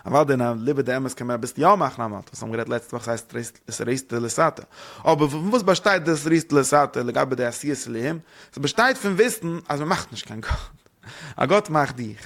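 A man giving a spoken religious lesson, rambling quickly and posing rhetorical questions to his listeners. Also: mid-range voice, expressive, a bit bright. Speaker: religious teacher.

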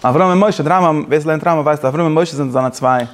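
A man teaching a Torah class, talking fast with many restarts and mixing in Hebrew and English phrases. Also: a little high. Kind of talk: Talmud-style lecture.

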